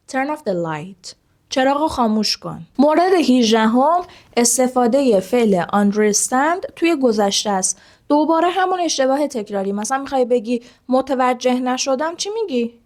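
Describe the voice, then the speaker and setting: A woman teaching an online English lesson, asking the viewers rhetorical questions and saying each English example sentence slowly and carefully. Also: on the high side.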